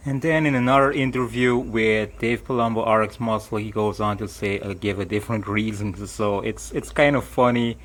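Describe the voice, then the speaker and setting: Flat-voiced man hosting a vlog. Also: on the low side, normal speed, few pauses. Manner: plain, steady, signs off to viewers. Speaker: video host. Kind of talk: casual vlog narration.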